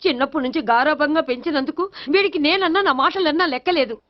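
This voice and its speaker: A woman's voice: high voice, fast talker. A woman in a comic film scene, playing a scolding grandmother. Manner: scolding, complaining. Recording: dull film soundtrack.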